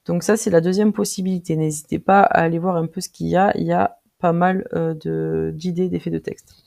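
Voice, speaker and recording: Tutorial presenter, casual screen-recording, very creaky and mellow, hesitant with lots of fillers. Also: mid-range voice, level tone. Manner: hesitant, frequent filler pauses while clicking through; friendly, addresses viewers directly.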